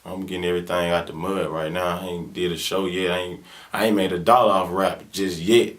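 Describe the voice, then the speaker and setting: He has a deep voice with fairly even intonation and talks a little fast. The speaker is a rapper in his twenties from Birmingham, Alabama, whose Southern US accent colours his relaxed, slang-filled interview answers, thick with fillers.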